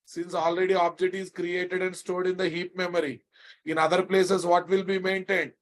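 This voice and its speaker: A man's voice: sits high, level tone, moderate pace. A man with a Telugu Indian English accent lecturing live as a programming instructor, emphatic and repetitive, prodding and chiding his students with questions.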